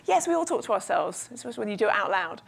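A woman in her forties giving a humorous keynote speech as a coach, self-deprecating and lively, with comic asides, speaking into a lapel mic in a large conference room. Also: mid-range voice, quick pace, gravelly, crowd noise.

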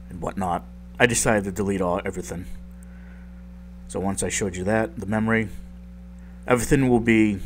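Just out of bed, a man who makes tech tutorials on YouTube explains some software in a very deep, groggy morning voice. His delivery is casual and rambling, with plenty of ums and self-deprecating jokes about his errors, and a faint hum can be heard beneath it.

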